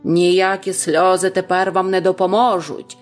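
A woman voicing a cruel, menacing husband from a storybook, slow and commanding, over faint music. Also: on the low side, level tone, close to an everyday voice.

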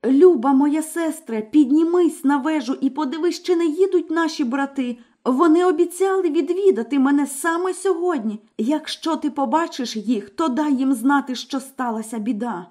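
A woman's voice: high voice, moderate pace, few pauses, mellow, voice pushed up, lightly acted. A woman voicing a terrified young wife who pleads through tears in a fairy tale. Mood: frightened. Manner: trembling, pleading, tearful. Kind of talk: storybook character voice.

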